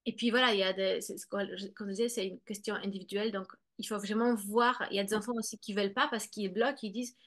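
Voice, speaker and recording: Talking fast with few pauses, a woman with a medium, slightly bright voice and fairly even intonation discusses bilingual children as a guest expert. Despite the speed she hesitates a lot, restarting and using fillers, and she voices the words of kids and their parents.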